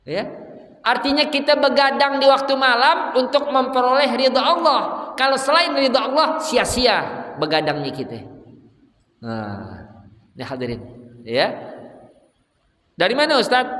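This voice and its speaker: A male preacher teaches in a reverberant mosque hall. His voice sits high and sounds bright and forceful. He keeps the lecture light, asking questions and answering them himself. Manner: humorous, asks and answers own questions. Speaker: religious teacher.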